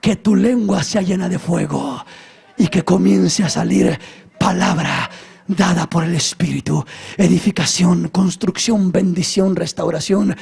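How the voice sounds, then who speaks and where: A man preaching an impassioned sermon as pastor, with a raspy voice, repeating phrases and shouting at the peaks. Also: sits high, unhurried. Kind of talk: Pentecostal sermon. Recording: archival church sermon recording.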